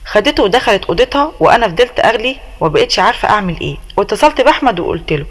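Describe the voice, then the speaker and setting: A woman with an Egyptian accent narrating a first-person story in a brisk, dramatic way. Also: mid-range voice, expressive. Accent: Egyptian Arabic.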